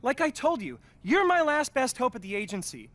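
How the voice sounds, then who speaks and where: Slick young game sports agent, very high for a man, animated, persuasive. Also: no echo, heavily acted. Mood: urgent, reassuring. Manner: fast-talking, pep-talk persuasion. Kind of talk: video game cutscene acting.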